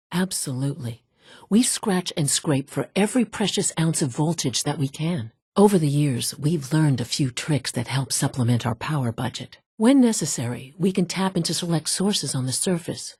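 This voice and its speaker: This video game character heads a facilities division: a poised woman scientist with a notably low, husky, darkish voice. Her scripted lines come in measured, formal sentences, composed, informative and matter-of-fact, like someone used to running a facility. The recording is dry and close, with no echo or room around it.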